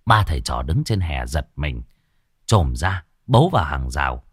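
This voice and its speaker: A man narrating a ghost story in a vivid, animated way. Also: very deep voice, moderate pace, breathy edge, dry recording, clean studio sound.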